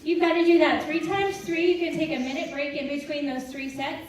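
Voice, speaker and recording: A woman's voice: sits high, steady tone, a little fast. A woman presenting a live health seminar, cheering volunteers on and counting down exercises with lots of energy. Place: large room with audience. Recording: echoey hall, far-off mic, music and crowd.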